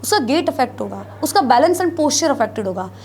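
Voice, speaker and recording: High-voiced woman teaching biology. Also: very animated, a little fast, a little mellow, slight background noise. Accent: North Indian Hindi. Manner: explains with gestures, asks and answers her own questions; mixes Hindi with English terms. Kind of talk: classroom lecture.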